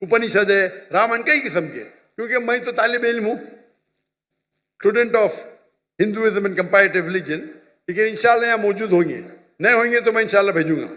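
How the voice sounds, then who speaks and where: A man's voice: sits high, normal speed, sharp tone. A man answers questions before an audience, lecturing with firm emphasis. His speech rings out in a large hall with a long reverb tail. He keeps pressing his point and checking that the listener follows. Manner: lecturing, emphatic, repeats points with "you understand?". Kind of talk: public question-and-answer talk.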